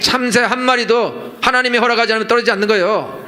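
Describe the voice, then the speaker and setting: A middle-aged man, senior pastor of a church, delivers a Sunday sermon in the sanctuary with emphatic rhetoric, repeating points and playacting his listeners' complaints. He speaks fast in a very high, bright, forceful voice.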